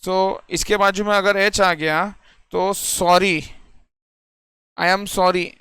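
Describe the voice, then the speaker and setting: A young man with an Indian accent teaches a reasoning-puzzle lesson in Hindi mixed with English, walking through each step and often checking whether students follow. His high voice is bright, forceful and clean, with fairly even intonation and a slow pace. The studio-quality recording has no room sound.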